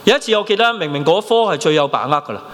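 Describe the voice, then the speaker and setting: A Hong Kong Cantonese man in his thirties preaches and tells his own story, his voice pitched a little high. He speaks with animation and drops in English words. His voice carries the long reverb of a church hall. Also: expressive, racing, fairly bright tone. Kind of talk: sermon with personal testimony.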